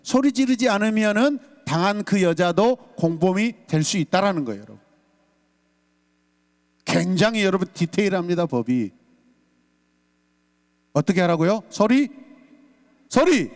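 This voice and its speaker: Emphatic Korean pastor preaching in a reverberant hall. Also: male voice, sits high. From South Korea. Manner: emphatic preaching, shouts lines for the congregation to repeat. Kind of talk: sermon.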